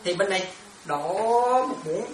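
A Buddhist nun teaches a dharma class, explaining Pali terms and stopping often to check that listeners keep up. She repeats words as she works through each point. Her voice comes from some distance in an echoey room with clear ambient noise behind. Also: fairly low pitch, unhurried. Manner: repetitive, keeps checking if students follow.

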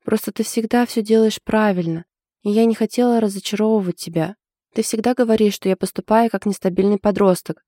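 A woman's voice: mid-range voice, steady tone, brisk, dark tone, no echo, clean studio sound, lightly acted. A woman voicing an anxious young woman in love, confiding in a hesitant way. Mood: uneasy.

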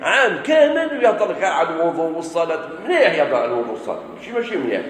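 Algerian preacher in an echoey hall. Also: male voice, a little high, sing-song, rapid-fire. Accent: Algerian Arabic. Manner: asks the audience questions and answers them himself. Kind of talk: religious lesson.

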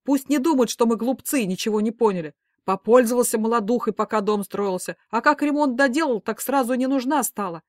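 A woman voicing an angry, protective middle-aged father who talks in loud, blustering outbursts. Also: medium pitch, brisk, hardly any pauses, dry recording, clean studio sound, lightly acted. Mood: indignant.

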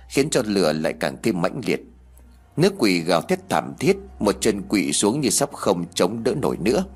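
A man tells a ghost story as scripted narration, dramatic and expressive. His voice is husky and on the low side, and it rises and falls widely.

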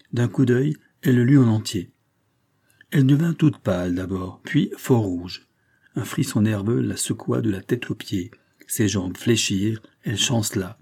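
Brief: man reading a classic novel aloud, deep mellow husky tone, measured delivery. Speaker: audiobook narrator. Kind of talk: scripted narration.

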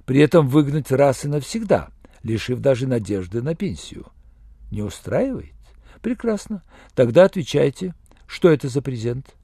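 A woman's voice: extremely low pitch, big pitch swings, moderate pace, warm tone, husky, no echo, clean studio sound, heavily acted. A man voicing a cold, commanding young woman who speaks in a colorless, icy tone, read for an audiobook.

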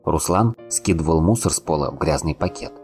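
A man narrating an audiobook in a calm, unhurried reading. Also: rumbling low, soft background music. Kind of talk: scripted narration.

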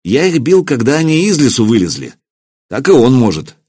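A man's voice: mid-range voice, very animated, moderate pace, dark tone, husky, pitched above the performer's own voice. A man voicing a veteran older military commander who answers apologetically but firmly.

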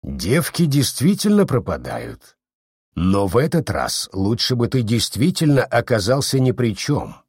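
A man voicing a quiet, controlled male consul who leads an alliance in an audiobook. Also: medium pitch, huge pitch swings, measured pace, breathy edge, no echo, studio quality, full character voice. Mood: weary. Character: quietly menacing middle-aged male alliance leader.

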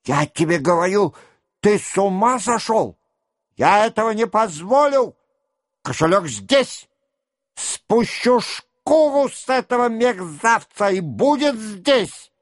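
A hot-tempered young hussar officer bellows threats and accusations, as a male reader puts him on. The voice rides high and hard, with a clipped, dry sound. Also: expressive, slow, no room sound. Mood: furious shouting. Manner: furious shouting, threatening.

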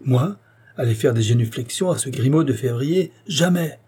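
A man's voice: lowish voice, moderate pace, dark tone, slightly rough. A man reading a proud, fiery young nobleman in an audiobook, with a declamatory, indignant delivery. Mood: defiant.

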